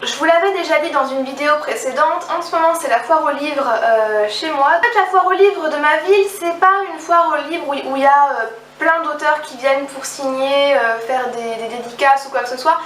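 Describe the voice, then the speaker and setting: A woman's voice: high voice, normal speed, hardly any pauses, fairly bright tone. A young woman chatting enthusiastically about the books she bought, often trailing off and restarting her sentences. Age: young adult. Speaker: book vlogger. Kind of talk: casual book haul vlog. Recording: roomy, slightly distant mic, faint background noise.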